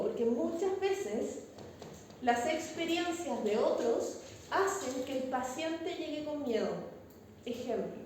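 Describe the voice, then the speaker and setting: A woman's voice: high-pitched, a little mellow. A woman with a Chilean accent teaching a class, talking casually and checking often that her students follow. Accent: Chilean Spanish. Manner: conversational, checks understanding with frequent tag questions. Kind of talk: classroom lecture. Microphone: far from the mic. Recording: very echoey classroom, far-off mic, some noise.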